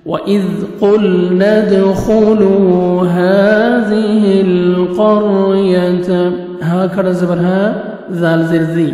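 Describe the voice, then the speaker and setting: A male Quran teacher from Pakistan with a high, mellow voice, spelling out letters and then chanting each phrase in long, drawn-out tones. His delivery stays level and even. The sound rings with heavy, long reverb, and faint music plays underneath. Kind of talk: word-by-word recitation lesson.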